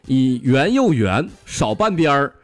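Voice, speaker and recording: A man's voice: medium pitch, sing-song, a little slow, no room sound. A man voicing a snobbish rich old landowner who bossily orders his sons-in-law to make up poems. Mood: bossy.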